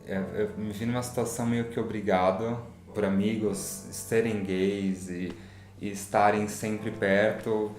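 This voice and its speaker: A man speaks reflectively and with some hesitation, his voice low. Guitar music plays clearly behind him in an echoey room. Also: level tone, unhurried, darkish tone. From São Paulo, Brazil. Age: 20s. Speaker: interviewee. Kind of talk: personal testimony.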